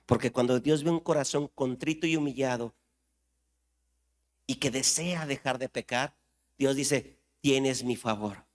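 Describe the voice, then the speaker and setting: Impassioned Mexican preacher in a hall. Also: male voice, medium pitch, fairly even intonation, a little slow, long pauses. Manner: impassioned, swings from loud to hushed. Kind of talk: sermon. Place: church. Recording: reverberant church hall.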